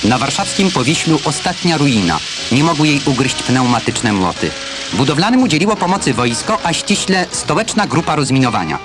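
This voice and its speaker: A man narrating a 1970s newsreel voice-over, crisp and declamatory commentary read over footage. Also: fairly high pitch, big pitch swings, a little fast. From Poland. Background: loud film score music.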